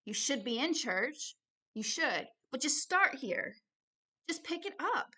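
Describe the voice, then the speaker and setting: High-pitched with big pitch swings and a sharp tone, a woman speaks at a slow pace as host and religious teacher. In informal religious commentary she reads aloud and adds personal asides, earnest and insistent, repeating phrases often for emphasis.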